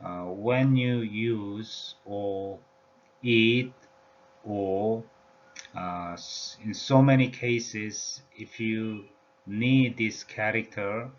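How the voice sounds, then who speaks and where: Slow, halting male teacher. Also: fairly low pitch. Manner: halting, many "uh" and "yeah" fillers. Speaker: language teacher. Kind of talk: slow explanatory lecture. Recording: dull lo-fi recording with faint room noise.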